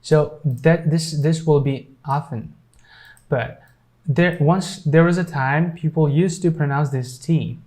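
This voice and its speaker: A man teaching an English pronunciation lesson over his screen, pausing often with ums and repeating each example sentence slowly. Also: a little high, darkish tone. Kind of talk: casual screen-share lesson.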